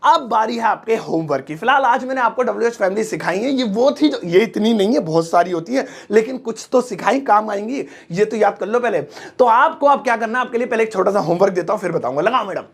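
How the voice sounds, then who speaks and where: Gravelly-voiced joking male English teacher. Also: high-pitched, expressive. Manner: joking, chatty, slangy teasing asides; repeats English phrases slowly and clearly. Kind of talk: casual spoken-English lesson.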